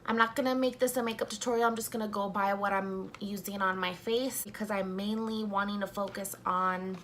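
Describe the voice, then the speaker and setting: A young woman chats through a makeup review in a soft, slightly sleepy voice. Her pitch sits in a middle range for a woman. A faint hiss sits under the recording. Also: fairly even intonation, a little fast. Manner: soft-spoken, just woken up. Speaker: beauty vlogger.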